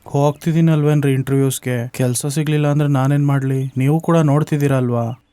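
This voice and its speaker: An actor playing a meek young husband who is job-hunting, plaintive and sulky. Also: male voice, mid-range voice, steady tone, quick pace, dark tone, clear, resonant tone, no echo, natural voice. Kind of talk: TV drama acting.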